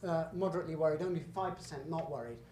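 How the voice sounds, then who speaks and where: A middle-aged British guest lecturer races through a public slide lecture in a lecture hall, his voice a little high with a darkish tone. Conversational and emphatic, he makes asides and corrects himself, and the recording is echoey with faint room noise.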